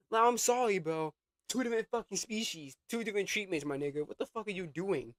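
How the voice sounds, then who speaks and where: Young man with a fairly high voice, dry close sound, stumbling and mocking through a rant. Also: animated, brisk, fairly bright tone, no room sound. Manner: stammering restarts, swears, mocking. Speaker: co-host reacting to clips. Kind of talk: casual ranting chat.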